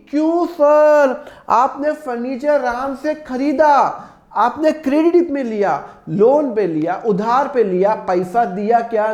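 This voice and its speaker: Man, accounting teacher, high voice, plays the student's questions himself, stretches out the terms. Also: a little mellow, reverberant. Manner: asks questions and answers them himself, switching to a higher student voice; drawls the English entry names slowly. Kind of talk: classroom-style lesson with self-posed student questions.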